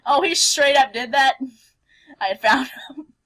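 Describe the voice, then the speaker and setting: A playful, expressive woman hosting a let's play, switching between reading game text aloud and casual commentary. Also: sits high, measured pace.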